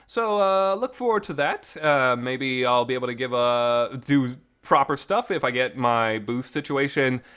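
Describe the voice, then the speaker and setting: Speaking a little slowly yet with hardly any pauses, this visual novel review host sounds animated, smooth and a bit bright at medium pitch. His unscripted, podcast-like review is colloquial, emphatic and mildly profane, in a reverberant makeshift home recording.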